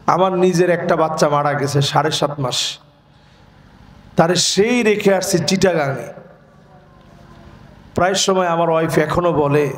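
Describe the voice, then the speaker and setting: Man preaching, sings his lines then shouts, big echo. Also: on the high side. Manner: swings between sung chanting and shouted peaks. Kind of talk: chanted sermon. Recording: echoey open-air PA sound.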